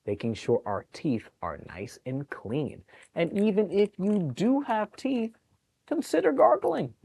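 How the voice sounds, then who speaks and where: This public library storytime reader has a high-sitting, gravelly voice with a breathy edge and reads a little slowly, recorded dry. Sharing a picture book with small children, he stays animated and encouraging and talks them through the pictures in chatty asides.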